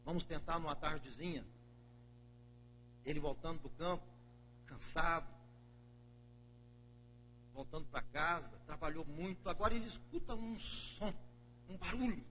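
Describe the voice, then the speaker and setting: A man's voice: a little high, unhurried, pauses often, bright, forceful tone, a little hiss or hum, rough recording. A man, a pastor, preaching a sermon in a church with dramatic storytelling.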